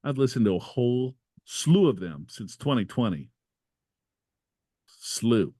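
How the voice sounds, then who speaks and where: A man's voice: mid-range voice, big pitch swings, a little slow, mellow, dry recording, clean studio sound. A man co-hosting a podcast, reading listener questions aloud and adding playful asides in casual banter. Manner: joking, reads letters aloud with asides.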